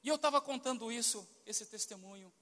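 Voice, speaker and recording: A man's voice: very high-pitched, a little fast, sharp tone, big-room sound. A man with a Brazilian accent, a pastor telling a testimony during a sermon and acting out the dialogue of the people in it. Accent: Brazilian Portuguese. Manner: storytelling, acts out quoted dialogue.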